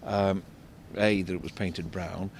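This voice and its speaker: Older man, fairly low pitch, halting explanatory street commentary, slight background noise. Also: flat delivery. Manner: discursive, explanatory, halting with repeats. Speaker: architect and local history guide. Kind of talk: unscripted on-site commentary. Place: outdoors in a shopping street. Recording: vehicle rumble, street noise. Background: faint street traffic rumble.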